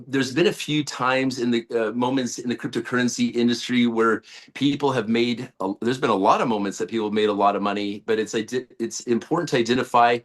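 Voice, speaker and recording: Rambling man, mid-pitched, hyped sales pitch over a video call. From United States. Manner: rambling, many fillers and restarts, hype-driven. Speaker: guest, network-marketing leader.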